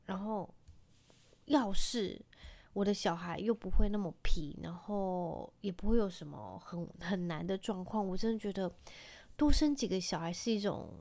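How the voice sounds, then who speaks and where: A woman's voice: mid-range voice, normal speed, dark tone. Chatty Taiwanese woman podcaster. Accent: Taiwanese Mandarin. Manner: chatty, rambling, many fillers. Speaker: podcast host. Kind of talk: casual solo chat.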